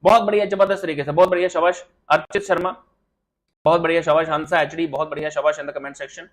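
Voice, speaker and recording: A man's voice: a little high, steady tone, fairly bright tone, low-quality recording. A man teaching a live online quiz class, rattling off questions and praising or teasing students by name. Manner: rapid quiz-master patter, praising viewers by name. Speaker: exam coaching teacher. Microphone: live stream mic with audio glitches.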